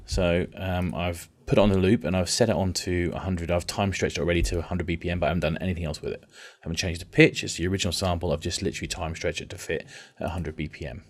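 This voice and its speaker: A man with a deep, steady voice teaches music technology in an informal software tutorial at a quick pace. He explains things step by step and restates key points along the way.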